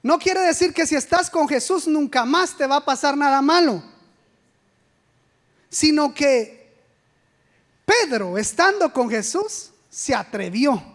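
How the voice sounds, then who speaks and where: A woman preacher giving an animated sermon, putting rhetorical questions to the congregation and acting out the quoted speech. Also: high-pitched, slow pace, long pauses. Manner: acts out quoted speech in a dramatic way. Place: church sanctuary. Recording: long church reverb.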